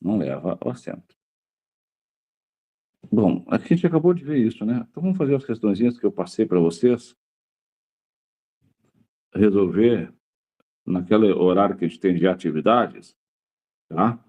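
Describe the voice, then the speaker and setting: A man's voice: on the low side, expressive, moderate pace, long pauses, a little mellow. A male teacher giving a grammar lesson to a class, repeating key words and checking in with the students after nearly every point.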